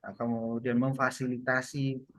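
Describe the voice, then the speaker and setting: A man's voice: mid-range voice, flat delivery, normal speed. A man giving a loose online training on communication, with many fillers and restarts. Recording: muffled lo-fi sound.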